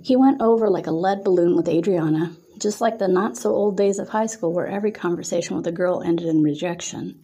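A woman reading her own erotic story aloud in a steady storytelling manner. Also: on the low side, fairly quick, few pauses, husky.

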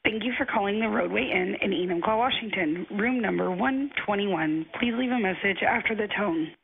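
A woman's voice: mid-range voice, moderate pace, vocal fry, slightly rough. Woman's polite greeting over a landline phone. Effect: heard over a landline phone. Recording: tinny landline phone line.

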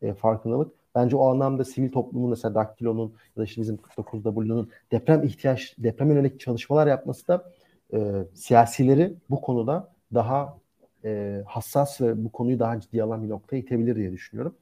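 A man with an extremely mellow, muted timbre talks at a brisk clip. He sounds like an earnest guest in a casual discussion. He explains by stacking one point on another. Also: medium pitch.

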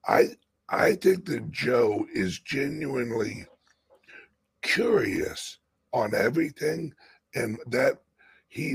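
With a raspy, medium-pitched voice, a man hosts a casual political chat on a crypto show, speaking emphatically and frequently restarting his sentences.

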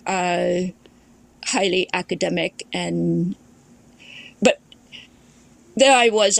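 In a relaxed podcast chat, this memoirist from Thailand tells stories of her family's past thoughtfully, often starting her sentences over. She has a mid-range voice, and the recording is dry.

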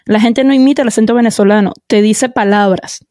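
A woman's voice: medium pitch, steady tone, brisk, dark tone, no echo, studio quality. A woman hosting a casual podcast interview, effusive and chatty as she introduces and praises her guest. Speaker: podcast host.

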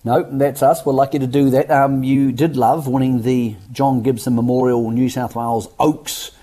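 Hosting sports radio, this Australian man has a dark, slightly rough voice at medium pitch with little pitch movement and a moderate pace. His manner is matey and chatty as he casually interviews racing guests.

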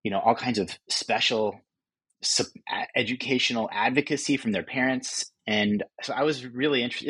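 A man's voice: fairly low pitch, fairly bright tone, breathy edge, no echo, low-quality recording. A man in his forties from California, an author answering interview questions thoughtfully, often restarting his sentences. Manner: thoughtful, with frequent restarts and fillers. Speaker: author and guest.

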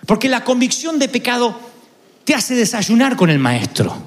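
A man's voice: very high voice, sing-song, moderate pace. A man preaching with an Argentine accent, telling a funny personal story and playfully acting out the voices in it. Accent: Argentine Spanish. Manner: playful, acts out voices in anecdotes. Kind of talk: humorous storytelling sermon.

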